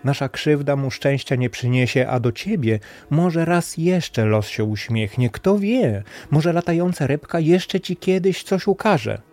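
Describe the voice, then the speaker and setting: A man voicing a caring old mother who speaks in a soothing, gentle way. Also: expressive, a little slow, hardly any pauses. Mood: comforting. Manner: soothing, higher voiced.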